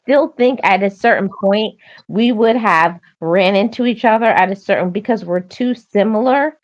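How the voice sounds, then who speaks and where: A middle-aged woman with a medium-pitched voice talks casually as a co-host. She reasons things out in a reflective, halting manner. The recording is a little dull and lo-fi. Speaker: co-host of a chat show. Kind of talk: casual chat. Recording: slightly dull, lo-fi audio.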